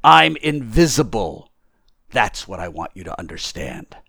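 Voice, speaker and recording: A man's voice: lowish voice, big pitch swings, unhurried, creaky, pushed and bright, slightly rough, no echo, clean studio sound, heavily acted. A man voicing an impatient invisible man in a storybook, commanding and menacing, with an emphatic, controlled manner. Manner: insistent, emphatic, self-controlled. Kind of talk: acted audiobook storytelling.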